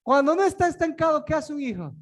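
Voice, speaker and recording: High-voiced man preaching with rhetorical questions. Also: very animated, quick pace. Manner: asks the room many rhetorical questions; repeats and restarts words often. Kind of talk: sermon-style Bible teaching.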